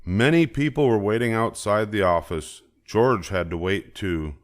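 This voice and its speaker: Reading a story for children, this older storybook narrator uses a fairly low pitch and a deliberate, expressive storytelling style.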